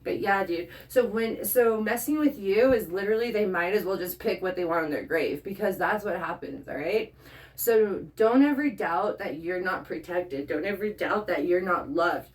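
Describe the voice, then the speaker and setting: A woman's voice: on the low side, moderate pace. A woman giving a casual tarot reading straight to the viewer, blunt and profane, often checking in with "okay?". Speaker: tarot reader. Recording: voice a bit far from the mic.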